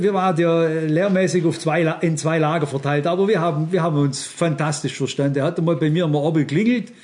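An older man with a Swabian accent preaches in a loose, conversational way, his voice sitting a bit high. He keeps turning to the congregation and hammers his points home by repeating them. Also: a little mellow. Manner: conversational, emphatic, repeats himself, addresses listeners directly. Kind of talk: informal sermon.

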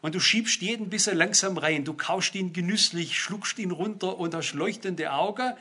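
Older guy preaching, high bright voice, kinda husky, gets loud and emphatic. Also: normal speed. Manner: emphatic, rising to exclamations, addresses the congregation directly. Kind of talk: sermon.

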